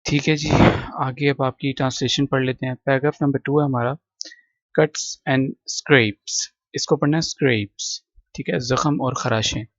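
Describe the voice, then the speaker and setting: A man teaching English vocabulary, reading synonyms in quick runs and checking in with short asides. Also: mid-range voice, steady tone, no echo, lo-fi sound. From Pakistan. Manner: reads word lists in quick runs, adds short checks like "theek hai". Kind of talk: vocabulary lesson explaining words line by line.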